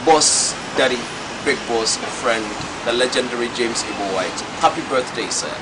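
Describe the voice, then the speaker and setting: Emphatic man over loud street noise. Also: medium pitch, normal speed. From Ghana. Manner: emphatic, effusive praise. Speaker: stage play producer and admirer. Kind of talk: heartfelt birthday tribute. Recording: loud traffic and air-con noise behind.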